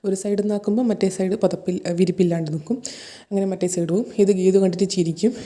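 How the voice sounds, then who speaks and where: A woman's voice: mid-range voice, steady tone, racing, dark tone. A woman casually retelling a TV serial episode, chaining events together with repeated 'and then'. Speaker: serial recap host.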